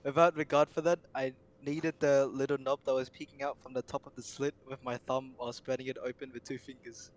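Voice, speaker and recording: A man's voice: mid-range voice, little pitch movement, brisk, few pauses, slight background noise. A young man narrating an amateur comedic reading aloud, often stumbling over words and breaking into laughter.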